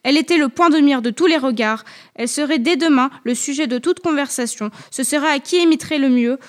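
Femme au ton posé, voix haute. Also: female voice, high-pitched. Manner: measured, intimate, literary. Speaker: audiobook reader. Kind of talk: first-person literary narration.

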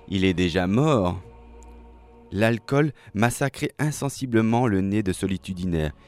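A man reading a dramatic story aloud in a slow, measured, expressive way. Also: deep voice. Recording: faint music behind.

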